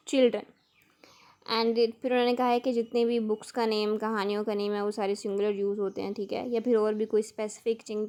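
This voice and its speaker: Woman teacher going over grammar rules for exams, kinda high voice, reads the english examples slow. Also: darkish tone. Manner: explains step by step, often checking in with a tag word; reads the English example sentences slowly and carefully. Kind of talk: exam-prep grammar lesson.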